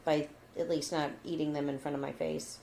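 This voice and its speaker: A deep, gravelly yet mellow female voice, level in tone and a little fast, comes with a slight hiss or hum. She's a podcast co-host in casual chat, rambling with lots of "like," and she adopts a mock newscaster voice for the cat segment.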